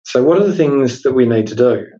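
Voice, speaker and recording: A man's voice: medium pitch, lively intonation, brisk, mellow, muffled recording. A man co-hosting a casual podcast on workplace law, chatty and emphatic, posing rhetorical questions as he explains. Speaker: podcast co-host, workplace lawyer. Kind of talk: casual legal discussion podcast.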